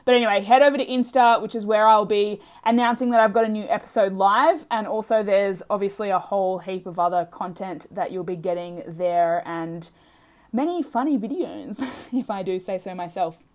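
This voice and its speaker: An Australian woman talks solo to her podcast audience in a medium-pitched voice. Her delivery is casual, excitable and emphatic. She addresses listeners directly and peppers her talk with swearing. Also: brisk, few pauses. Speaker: podcast host, health coach.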